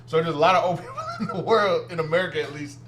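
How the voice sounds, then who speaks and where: A man's voice: on the high side, very fast, a bit bright, a little hiss or hum. A man co-hosting a casual podcast chat, rambling loosely and laughing often. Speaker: podcast co-host.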